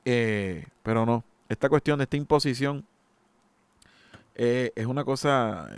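A man holds forth alone on his podcast, exasperated and insistent. His voice is smooth and resonant, sitting at an ordinary male pitch. The sound is close and dry, with no room around it. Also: unhurried, dry recording. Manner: indignant, emphatic, exasperated. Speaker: podcast host. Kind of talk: solo opinion monologue.

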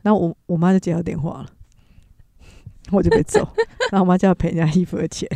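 A woman's voice: lowish voice, wildly swooping pitch, fast, creaky, mellow, no room sound. A woman co-hosting a podcast, telling stories in a playful, mock-innocent way. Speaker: podcast co-host. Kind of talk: casual storytelling chat.

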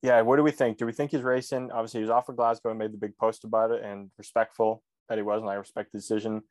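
Low-voiced, sarcastic male podcast co-host, dry sound. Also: level tone, fast talker, darkish tone, no echo. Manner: sarcastic, joking, swears casually. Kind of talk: casual podcast chat.

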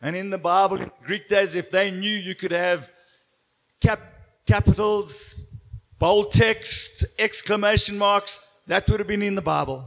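High-voiced man preaching in short bursts. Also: vocal fry, a bit bright. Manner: preaching in short phrases, pausing for the interpreter. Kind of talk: sermon with live interpretation.

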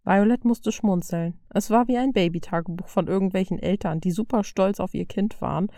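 Mellow woman reading a story aloud. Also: lowish voice, dry recording, clean studio sound. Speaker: reader. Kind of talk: audiobook reading of fan fiction.

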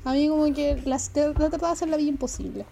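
High-voiced Chilean woman telling stories. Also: fairly even intonation, racing, creaky, warm tone, slight background noise. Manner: slangy, swears often, laughs through stories. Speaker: storyteller. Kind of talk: casual anecdote telling.

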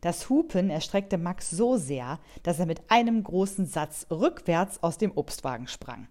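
A woman reads a bedtime story at an unhurried pace, calm and measured throughout. Her voice sits low and mellow, soft-edged and soothing.

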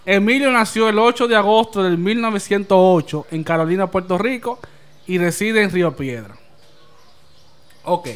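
A man's voice: high-pitched, normal speed, clear, resonant tone. A man with a Dominican accent hosting an open-air podcast in casual chat. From Dominican Republic. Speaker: podcast host.

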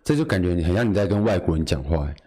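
Low-voiced man firing quick questions. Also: big pitch swings, warm tone, breathy edge. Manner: curious, quick follow-up questions. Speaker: podcast co-host. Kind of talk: casual chat, asking questions.

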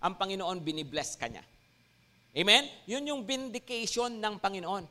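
A man's voice: high-pitched, normal speed. A man with a Filipino accent preaching a sermon as pastor. He switches between Tagalog and English and often checks in with "no?" and "Amen?". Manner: lively, rising emphasis on key words.

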